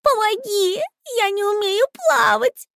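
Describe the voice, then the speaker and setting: A woman voicing a fussy, indignant female mouse from a storybook with a shrill, squealing voice. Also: takes it slowly, creaky, a bit bright, dry recording, clean studio sound, full character voice. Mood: panicked.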